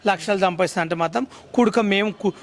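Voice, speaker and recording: High-voiced, blunt man laying down warnings. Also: fast talker. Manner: blunt, defiant, issuing firm warnings. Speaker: interviewee, team member. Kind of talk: defiant interview statement.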